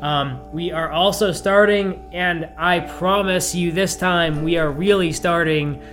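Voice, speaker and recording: A man co-hosting a podcast, closing the show in a slow, halting, flat robotic manner of speaking. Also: a little high, faint music behind. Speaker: podcast co-host. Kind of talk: podcast sign-off.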